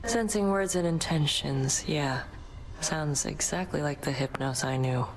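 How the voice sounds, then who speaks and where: An actress playing a wry, teasing figure with a dry, sardonic way of talking in a video game. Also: female voice, low voice, a little slow, background noise.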